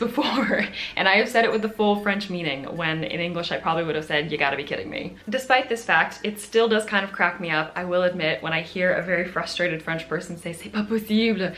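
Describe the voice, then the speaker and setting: A woman's voice: on the low side, pushed and bright. An American woman vlogger chatting to camera, laughing often and poking fun at herself. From United States. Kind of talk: casual chat to camera.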